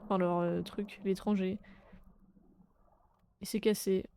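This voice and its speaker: A woman's voice: medium pitch, flat delivery, slow pace. Chatty French woman streamer, faint hiss. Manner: chatty, swears, sudden loud exclamations. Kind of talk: casual live game commentary.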